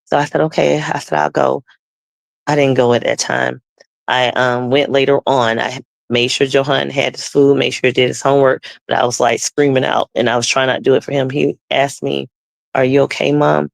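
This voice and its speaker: A woman's voice: very deep voice, little pitch movement, moderate pace, creaky, no room sound. A woman guest telling her personal testimony conversationally, acting out the dialogue she quotes.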